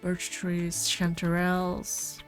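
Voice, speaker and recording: Her voice sits fairly low and stays monotone, moving slowly as she streams a farming game while sick with a cold. She rambles casually to viewers, with soft game music underneath.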